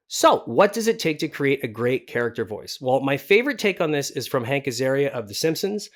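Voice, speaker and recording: A man who works as a voice actor hosts a casual scripted tutorial to camera, chatty and self-deprecating with his viewers. His mid-range voice swings widely in pitch and runs a little fast.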